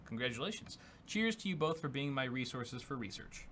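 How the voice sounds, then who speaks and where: Very animated and fairly quick, a young man with a medium-pitched, somewhat bright voice co-hosts a tech show, casually reading viewer donations aloud. He stays upbeat and fills his speech with fillers, recorded with faint background noise.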